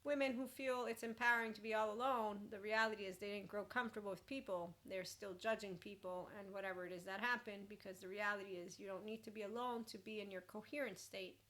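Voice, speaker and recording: Bright-voiced woman, informal blunt mentor. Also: mid-range voice, fairly even intonation, fast talker, few pauses, rough recording. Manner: informal, blunt, swears casually. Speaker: mentor and host. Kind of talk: informal rambling mentoring talk.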